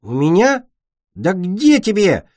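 A man's voice: sits high, lively intonation, normal speed, pitched above the performer's own voice. A man voicing a small female dragon who plays a grandiose, boastful queen in a storybook reading. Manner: grandiose, theatrical.

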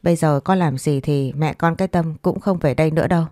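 A woman's voice: low voice, fairly quick, dark tone, no room sound, studio quality, natural voice. A woman voicing a weary, regretful older mother-in-law who sighs and complains. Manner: sighing, complaining.

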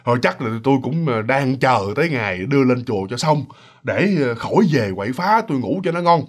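Brief: man playing a mild older village man, low and confiding, weary from sleepless nights. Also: animated, fairly quick, lightly acted. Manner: soft, confiding, subdued.

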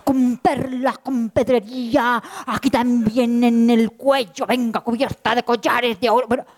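A woman's voice: on the high side, fairly even intonation, unhurried. A woman storyteller, telling a tale live, playful and full of sound effects and asides. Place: event hall.

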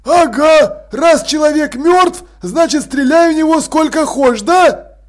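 A man's voice: very high voice, moderate pace, pitched above the performer's own voice. A man voicing a grumpy male zombie constable of a city watch, complaining in a cranky, aggrieved way. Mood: grumbling.

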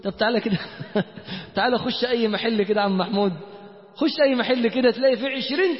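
A man preaches with an Egyptian accent, his voice pitched high and racing along. He keeps throwing rhetorical questions at the congregation. The recording is muffled and rings with a long reverb, as if in a mosque hall. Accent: Egyptian Arabic. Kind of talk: sermon.

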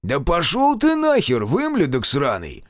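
A man voicing a fierce, scornful old village sorcerer who speaks bluntly in rough rustic speech and swears. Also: medium pitch, very animated, measured pace, no room sound, studio quality, voice pushed up. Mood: gruff.

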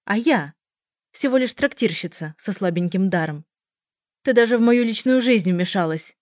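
A woman reading an audiobook, voicing a bitter, jealous young woman tavern-keeper who shouts her accusations. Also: fairly low pitch, expressive, normal speed, dry recording, clean studio sound.

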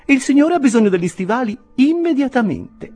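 A man doing a high, coaxing young inn maid. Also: very animated, a little fast, dark tone, faint music behind, exaggerated voice. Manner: coaxing, insistent.

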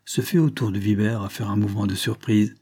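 A male audiobook narrator reads a classic novel in a calm, measured way. His voice is mellow and warm with a husky edge. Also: lowish voice.

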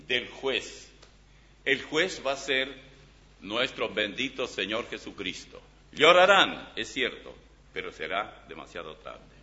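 Animated, bright-voiced male preacher. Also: mid-range voice. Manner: animated, emphatic preaching with sudden swings in loudness. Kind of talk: sermon with Bible reading. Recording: dull reverberant hall recording.

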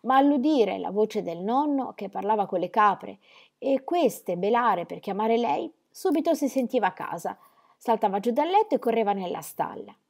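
Female audiobook reader, expressive storyteller, animated pitch. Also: normal speed, gravelly. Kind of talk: audiobook reading of a children's novel.

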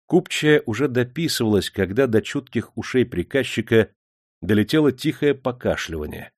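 A man narrating an audiobook in expressive, measured storytelling. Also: mid-range voice, slightly rough, no room sound, studio quality. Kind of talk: scripted narration.

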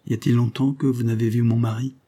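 A man's voice: mid-range voice, little pitch movement, fast talker, mellow, breathy edge, natural voice. A man voicing a fretful, feverish young widow. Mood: anxious. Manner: fretful, nervous, turning insistent. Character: weary, money-hungry young widowed woman.

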